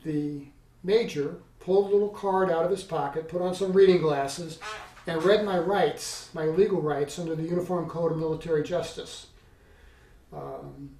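A middle-aged man recounting a past experience in a halting, conversational way, with many restarts. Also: on the high side, a little mellow. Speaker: interview guest recounting experience. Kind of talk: conversational storytelling. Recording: roomy, distant from mic.

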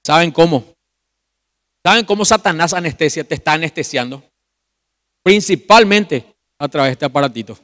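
Male pastor, youth sermon, somewhat high voice, sudden drops to a hush. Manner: addresses listeners as brother, asks rhetorical questions; swings from loud emphasis to quiet, drawn-out phrases.

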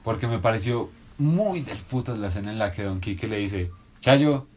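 A man's voice: on the low side, animated, a little fast, a little mellow. A young adult man with a Colombian accent, hosting a casual podcast chat about a TV series, slangy and emphatic, swearing often. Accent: Colombian Spanish. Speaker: podcast host.

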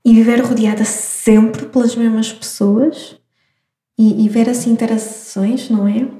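A woman with a European Portuguese accent gives a spiritual astrology talk in a slow, reflective, soft-spoken way. Her voice is deeply mellow and dark, with little rise and fall. The room around her carries a clear echo. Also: little pitch movement. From Madeira, Portugal. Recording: echoey room.

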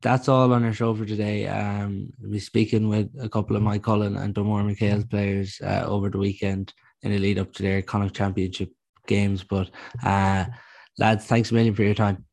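A man's voice: on the low side, little pitch movement, normal speed, creaky, a little mellow. An Irish man hosting a sports show in a casual panel-chat style.

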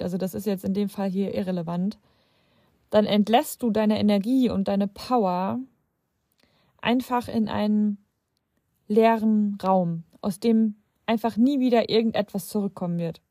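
A woman's voice: mid-range voice, mellow, dry recording, clean studio sound. A young adult woman hosting a self-help podcast, talking straight to the listener in a reflective, conversational way with some hesitant restarts. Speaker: podcast host.

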